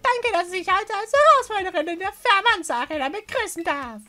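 A woman's voice: extremely high pitch, lively intonation, fairly quick, pushed and bright, soft background music, full character voice. A woman voicing a bubbly, cute young anime streamer and gym leader from a video game, with a showy, hyper manner. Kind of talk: dubbing video game dialogue.

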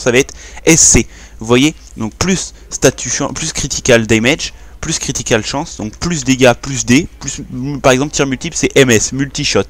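Casual young man explaining a game. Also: medium pitch. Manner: informal, hesitant, restarts often. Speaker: gaming YouTuber. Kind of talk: casual screen-recorded game tutorial.

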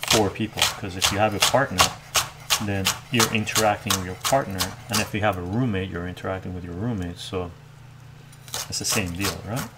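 Middle-aged guy chatting while he cooks in his kitchen, low gravelly voice, lots of "right?", noisy background. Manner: chatty, tags sentences with "right?". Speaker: cooking livestream host. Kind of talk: casual chat while cooking. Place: home kitchen, indoors.

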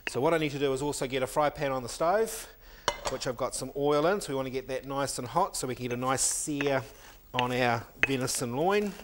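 A man's voice: medium pitch, brisk, noisy background. Middle-aged male chef explaining step by step. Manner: steady step-by-step explaining while working, with filler ums. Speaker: chef and cooking instructor. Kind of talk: cooking demonstration. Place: indoor teaching kitchen.

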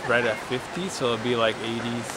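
A young man, a trail runner, answering interview questions outdoors in a relaxed, soft-spoken way. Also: mid-range voice, fairly quick, background noise. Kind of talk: post-race interview. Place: outdoors in a forest by a race course.

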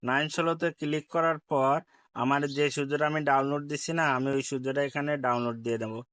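Dry, clear-voiced man walking through app steps. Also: medium pitch, steady tone, fast talker, fairly bright tone, dry recording. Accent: Bangladeshi Bengali. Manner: repetitive step-by-step instruction, addresses viewers politely. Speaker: tech tutorial host. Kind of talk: screen-recorded app tutorial.

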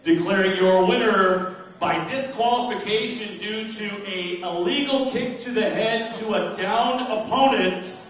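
A man's voice: high voice, unhurried, a bit bright. A middle-aged man announcing a fight as a boxing ring announcer, projecting like a showman and drawing out the names in formal introductions. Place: indoor fight venue with ring. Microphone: handheld PA microphone, recorded from the audience. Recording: echoey noisy hall, far from mic.

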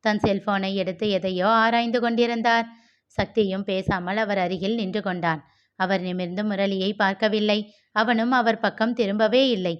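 A woman narrating a novel aloud and voicing its characters, expressive in her reading. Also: medium pitch, normal speed, smooth. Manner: expressive, switches between narration and character dialogue. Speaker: audiobook narrator. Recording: dull lo-fi recording.

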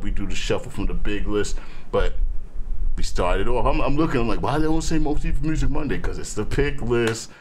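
A man hosting a music reaction channel who talks casually, rambling and animated, often dropping the word "man". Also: lowish voice, slight background noise.

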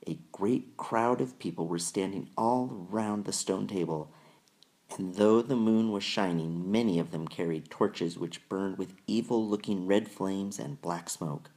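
A man reading a children's novel aloud in measured, deliberate storytelling narration. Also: sits low, darkish tone. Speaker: audiobook reader. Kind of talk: scripted narration.

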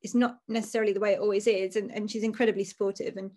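A woman's voice: medium pitch, steady tone, very fast, darkish tone. A woman in her forties, an author, chatting casually and self-deprecatingly on a video call from a room at home.

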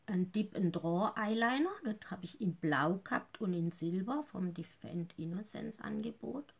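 This woman sells makeup and hosts a casual live tutorial from her living room at home. Her husky, mid-range voice moves at an unhurried pace as she rambles chattily, a touch nervous, frequently fading off into mumbles.

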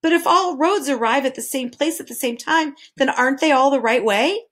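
An earnest young boy who keeps asking polite questions, read by a woman. He has a fairly high, gentle voice, as in a storybook. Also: brisk. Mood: curious. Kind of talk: storybook reading.

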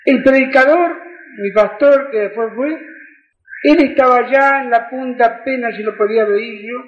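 An older Argentine preacher with a high voice tells his testimony, surging into fervent, shouted praise. The sound is muffled and echoes around a church hall. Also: normal speed. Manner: emotional, builds to shouted praise. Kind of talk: sermon testimony.

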